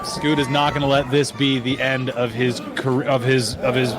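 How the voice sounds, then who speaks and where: A man's voice: mid-range voice, little pitch movement, normal speed, over a noisy crowd, very noisy. A man giving emotional, exclamatory wrestling color commentary like a partisan fan reacting live. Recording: loud music behind. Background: music.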